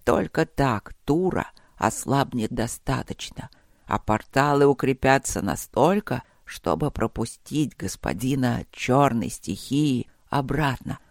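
A man's voice: medium pitch, expressive, no room sound, studio quality, voice pushed down. A man doing a dying old emperor in faint whispers. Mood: weak, tender. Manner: faint, slow, breathy whisper. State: dying, short of breath. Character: dying old emperor grandfather, gentle and resigned.

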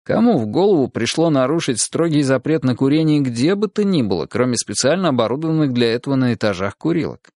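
A man narrating an audiobook in an even, measured way. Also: mid-range voice, dry recording, studio quality. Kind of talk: scripted narration.

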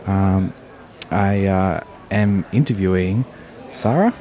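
A podcast host with a very low, mellow voice. He rambles through his questions in a loose, casual way, padding them with ums and uhs. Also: slow. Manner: rambling, chatty, many fillers. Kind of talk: casual interview.

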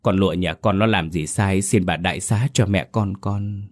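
A humble, trembling mother in a spoken ghost story, begging for mercy for her daughter, as a deep-voiced narrator puts her on. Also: normal speed. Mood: desperate pleading. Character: humble middle-aged mother, trembling and pleading.

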